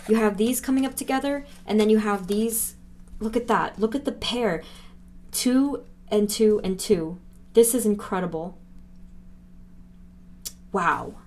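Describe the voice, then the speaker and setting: A woman's voice: medium pitch, darkish tone, slight background noise. A woman giving a pick-a-card tarot reading, earnest and emotional, often exclaiming in wonder as she talks through the cards. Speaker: tarot reader.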